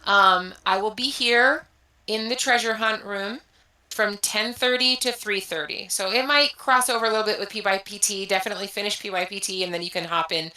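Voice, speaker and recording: A woman's voice: mid-range voice, brisk, sharp tone, echoey room, low-quality recording. A woman chatting casually in an online group call, upbeat and giggly, running through event announcements. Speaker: community event organizer.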